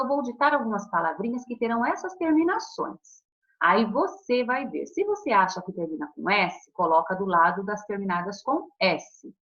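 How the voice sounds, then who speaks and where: Lively teacher, gentle and patient. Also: female voice, mid-range voice, dull audio. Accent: Brazilian Portuguese. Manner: patient, affectionate, spells words slowly. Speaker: primary school teacher. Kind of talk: recorded online class.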